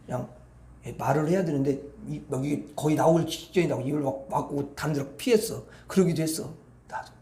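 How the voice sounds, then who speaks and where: High-voiced man preaching in an echoey hall. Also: fairly quick, dark tone. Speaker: pastor. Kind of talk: evening prayer meeting sermon.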